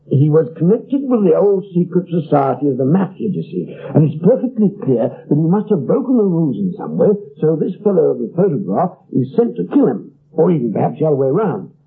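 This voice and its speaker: British police inspector, smug, dogged, emphatic, animated delivery, radio drama, thin lo-fi old recording. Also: male voice, fairly high pitch, brisk, slightly rough, full character voice. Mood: smug, boastful. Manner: self-important, emphatic. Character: self-satisfied, dogged male London police inspector, eager and stubborn. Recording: muffled, lo-fi vintage radio recording.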